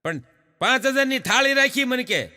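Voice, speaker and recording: A middle-aged man, telling stand-up jokes in an animated way, laughing at his own punchlines and breaking into bits of song. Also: very high-pitched, normal speed. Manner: sings snatches of folk and film songs. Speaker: stand-up comedian. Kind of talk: Gujarati stand-up storytelling. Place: stage show before an audience in a hall.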